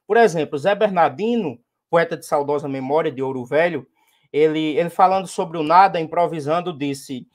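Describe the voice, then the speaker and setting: A man's voice: a little high, normal speed. A man with a Northeastern Brazilian accent, a poet teaching a workshop on verse meter and now and then declaiming verses with emphasis. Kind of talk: lecture on poetic meter.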